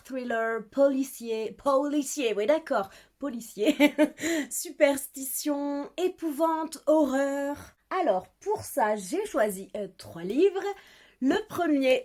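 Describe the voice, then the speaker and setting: A young woman talks through her reading pile in a casual, chatty way, laughing at herself now and then. Her voice sits a little high. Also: darkish tone. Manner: chatty, giggly, self-mocking. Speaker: book vlogger. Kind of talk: casual book haul chat.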